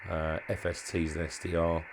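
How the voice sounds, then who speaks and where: Background noise accompanies a man with a low-pitched, monotone voice speaking at normal speed. He's a hobbyist walking through his modified radio gear hands-on, thinking aloud haltingly and often not finishing his thoughts.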